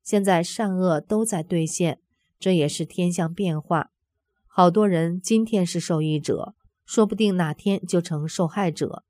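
A woman with a mellow, warm voice reads a first-person story aloud, earnest and steady. The sound is dry and close, with no room around it. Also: fairly low pitch, measured pace, no echo. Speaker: narrator reading a personal testimony.

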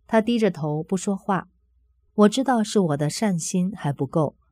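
Mellow-voiced woman reading a story. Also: fairly low pitch, expressive, moderate pace, no room sound. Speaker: narrator reading a personal testimony. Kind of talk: first-person story reading.

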